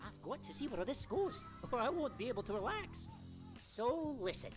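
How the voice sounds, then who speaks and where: A woman's voice: a little high, sing-song, music in the background. A woman voicing a chatty, pushy fortune-teller machine in a game mod, talking eagerly. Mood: insistent. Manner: eager, pushy, quick to laugh. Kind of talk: fan voice acting for a game mod.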